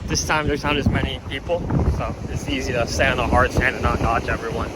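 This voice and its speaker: A man's voice: mid-range voice, little pitch movement, brisk. A man chatting casually in short remarks for a camping vlog outdoors on a beach, talking with wind in his face. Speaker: camping vlogger. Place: outdoors on a windy beach campsite. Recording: loud wind buffeting the microphone.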